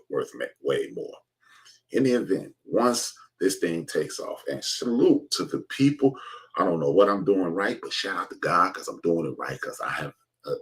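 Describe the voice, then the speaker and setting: A low-pitched, husky American man hosts an online commentary show, delivering an informal, emphatic opinion monologue to his viewers. He preaches his point and repeats phrases for stress.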